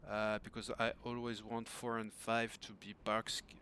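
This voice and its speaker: A man's voice: fairly low pitch, completely flat delivery, normal speed, sharp tone, slight background noise. A man in his thirties with a French accent, talking casually to a coach, full of fillers and restarts. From France. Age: 30s. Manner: hesitant, many fillers and restarts, self-deprecating. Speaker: gamer asking for coaching. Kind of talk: casual recorded message to a coach.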